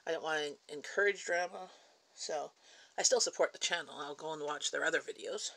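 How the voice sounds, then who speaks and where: A Canadian woman livestreams casually from her kitchen at home, reading viewer comments aloud, responding and laughing between remarks in a Canadian English accent. Her voice sits low and comes a little fast, creaky, bright and forceful. The recording is rough.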